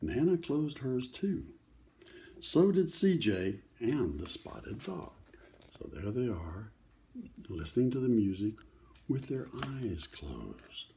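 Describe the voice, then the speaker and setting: An older man reads a children's book aloud slowly, breaking off for simple, chatty asides that explain the pictures. His mid-range voice is dark-toned and very animated.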